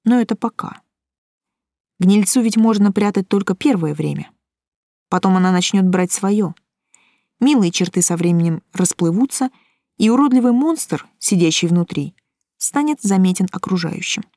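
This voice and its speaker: Calm, wry woman narrating an audiobook. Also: medium pitch, normal speed, no room sound, studio quality. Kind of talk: first-person audiobook narration.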